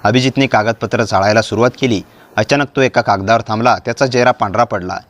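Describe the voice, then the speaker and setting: A man giving a steady, dramatic first-person narration of a story. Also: on the low side, fast, a little hiss or hum.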